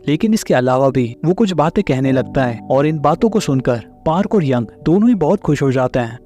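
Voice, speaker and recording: A man with a Hindi accent narrating a movie recap as scripted narration, telling the story in steady, long linked sentences. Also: on the high side. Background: faint background music.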